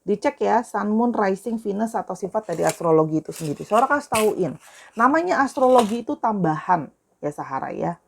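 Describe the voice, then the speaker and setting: A woman's voice: medium pitch, animated, brisk, gravelly, a little hiss or hum. A young woman giving a casual tarot reading, chatty and affectionate, calling her viewers dear. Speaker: tarot reader.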